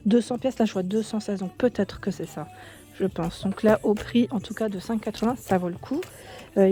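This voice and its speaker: A woman with a French accent walks through a shop filming a vlog, reading out prices and chatting as she looks at products. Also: mid-range voice. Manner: chatty, reads prices aloud, thinks out loud. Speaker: shopping haul vlogger. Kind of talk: casual store walkthrough vlog. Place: indoors in a shop under ceiling spotlights.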